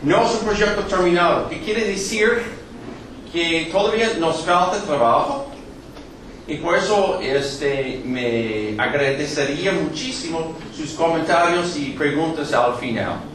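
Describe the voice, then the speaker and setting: A guest lecturer, middle-aged and male, hails from New York and speaks English natively with a heavy American accent; his voice is on the high side and a bit bright. He jokes frequently during this public lecture, pausing on lots of fillers in a halting way. Background noise, hall echo, and a faraway mic mark the recording.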